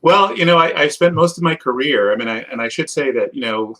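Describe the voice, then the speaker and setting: A man's voice: mid-range voice, animated, brisk, fairly bright tone, rough recording. A middle-aged man from Canada, answering as a guest expert in a thoughtful, conversational way with frequent restarts.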